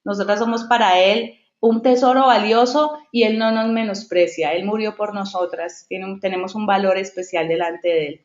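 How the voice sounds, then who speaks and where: A woman's voice: mid-range voice, steady tone, moderate pace, few pauses, echoey room, dull audio. A woman leading a devotional Bible study for women, talking in a conversational way and telling personal stories. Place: at home.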